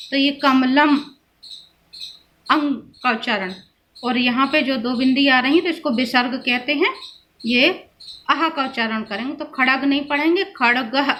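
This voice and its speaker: A woman teacher slowly explaining vocabulary to schoolchildren, patiently repeating each word before giving its meaning. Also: sits high, a bit bright, a little hiss or hum. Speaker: Sanskrit teacher.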